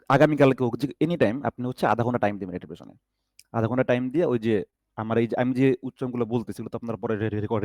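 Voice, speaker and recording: A man's voice: mid-range voice, darkish tone, no room sound, clean studio sound. A man teaching an online recitation class, patiently stretching out each syllable as he demonstrates and often checking that his students follow.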